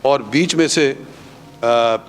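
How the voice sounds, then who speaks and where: A man with a Punjabi-influenced Urdu accent teaching a class on pilgrimage rites. He has his listeners repeat prayers after him, slowly and drawn out. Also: medium pitch. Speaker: religious teacher.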